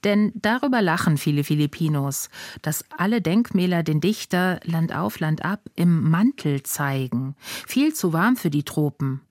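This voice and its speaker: A woman presenting a radio feature in calm, explanatory scripted narration. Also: low voice, measured pace, dry recording, studio quality.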